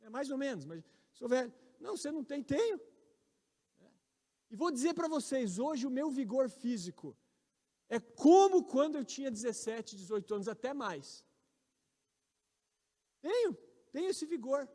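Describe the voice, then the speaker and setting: A Brazilian man in his forties, a pastor, preaching a sermon with emphatic, loud peaks on key words. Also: very high-pitched, very animated, moderate pace, long pauses. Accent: Brazilian Portuguese. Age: 40s. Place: large church hall. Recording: reverberant church hall.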